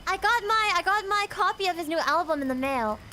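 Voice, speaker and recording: Bubbly high-voiced woman streamer. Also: expressive, brisk, bright, forceful tone, slight background noise. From United States. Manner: bubbly, giggly, reads and greets chat. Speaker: VTuber streamer and singer. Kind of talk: casual livestream chat.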